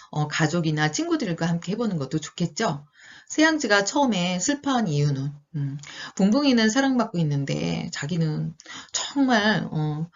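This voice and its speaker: A woman in her fifties, an elementary school teacher, reading a picture book aloud and then talking it over gently with children, pausing often with fillers. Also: fairly low pitch, dull audio. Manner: gentle, questioning teacher talk with many pauses and fillers.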